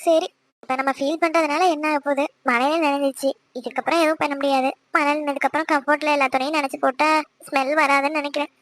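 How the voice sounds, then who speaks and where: A woman's voice: high voice, flat delivery, quick pace, a bit bright, no room sound. A young woman voicing a playful, scolding young wife in a cartoon. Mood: musing. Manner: chiding, teasing. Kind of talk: cartoon voice acting.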